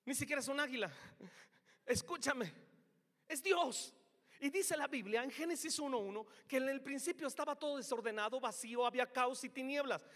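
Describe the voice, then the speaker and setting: A male preacher with a Mexican accent delivers an emphatic sermon in a strikingly high, bright voice. He shifts from soft, confiding asides to shouted climaxes. His voice carries a long reverb, as if in a large hall or church. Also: a little fast. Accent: Mexican Spanish.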